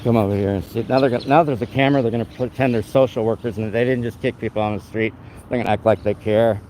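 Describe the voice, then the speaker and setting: This is live narration from an activist holding a phone camera while filming police outdoors on a city sidewalk. He talks fast and sounds indignant and rambling, his medium-pitched voice steady and a bit mellow. The recording is low quality with a little hiss or hum.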